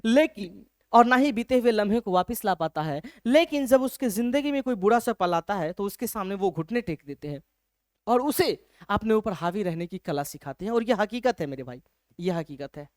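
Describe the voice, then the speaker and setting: A man teaching a lecture in a lively way, checking often that students follow and reading verse lines slowly. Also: high-pitched, no room sound, studio quality. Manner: lively, keeps asking if things are clear; reads English verse slowly. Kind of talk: classroom-style lecture.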